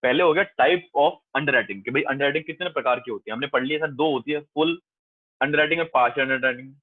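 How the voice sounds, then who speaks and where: A male commerce teacher with a mid-range voice lectures his class fast, coaxing and reassuring, calling students 'beta' and repeating his points often. The recording has no echo and sounds dry and tinny, like a phone.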